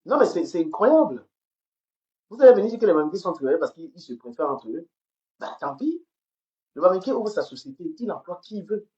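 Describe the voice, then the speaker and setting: A woman's voice: on the low side, big pitch swings, a little fast, warm tone, dull audio. Heated woman ranting on a phone live. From Cameroon. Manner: heated, repetitive, stammers on words. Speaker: livestream host. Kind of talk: angry livestream rant. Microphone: phone camera.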